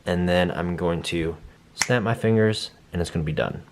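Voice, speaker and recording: Low-voiced man chatting through a PC build. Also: normal speed, background noise. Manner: chatty, self-deprecating, thinks aloud. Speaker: vlogger building a PC. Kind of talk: casual hands-on walkthrough.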